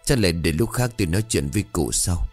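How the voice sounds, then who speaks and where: A man voicing a desperate middle-aged village chief and worried father, in a deep, earnest, pleading tone. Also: animated, fairly quick, husky, soft background music, full character voice. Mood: weary.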